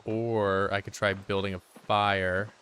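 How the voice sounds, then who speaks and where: A man's voice: lowish voice, level tone, slow pace, fairly bright tone, a little hiss or hum. A man giving casual live-stream commentary while he plays, joking dryly and answering his chat aloud. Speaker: game streamer.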